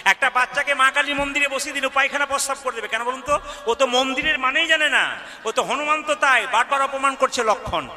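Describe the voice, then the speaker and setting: A man's voice: extremely high pitch, fast, pushed and bright, big-room sound. A man telling a devotional story as a kirtan singer, speaking straight to the women listening and acting out the figures' voices. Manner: addresses the women in the audience, asks them to answer aloud.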